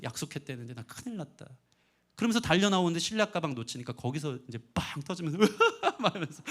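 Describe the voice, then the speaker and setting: A middle-aged man preaching a sermon as pastor, telling a family story with lively acted-out quotes. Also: on the high side. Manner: animated storytelling, acting out quoted voices.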